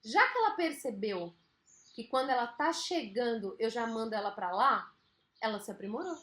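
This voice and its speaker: A Brazilian woman with a fairly high voice talks straight to her listeners in a motivational podcast. Her delivery is chatty and emphatic, with casual slang dropped in along the way. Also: animated, normal speed, fairly bright tone. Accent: Brazilian Portuguese. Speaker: podcast host.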